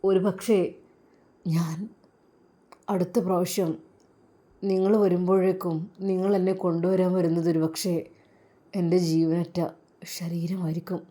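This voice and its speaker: A woman voicing an earnest young man who speaks in a low, quiet, solemn way about leaving home. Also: little pitch movement, a little slow, pauses often.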